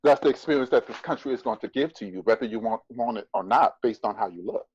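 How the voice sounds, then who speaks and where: A man in his thirties speaks bluntly and forcefully, swearing freely and slipping into sarcastic comebacks, at a mid-range pitch. His voice comes through a phone on a video call, the audio dry and a little muffled. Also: quick pace, slightly rough, no room sound. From United States. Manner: emphatic, blunt and profane, with sarcastic retorts. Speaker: podcast guest. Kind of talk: candid conversational interview. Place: indoors at home. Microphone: phone front camera on a video call.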